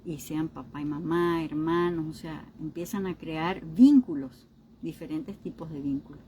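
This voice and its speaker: Warm-voiced woman teaching to listeners. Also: low voice, unhurried, slight background noise, low-quality recording. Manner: keeps checking in with listeners with short questions; acts out other people's remarks in quoted voices. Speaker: speaker on emotional healing. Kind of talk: informal teaching talk to an audience.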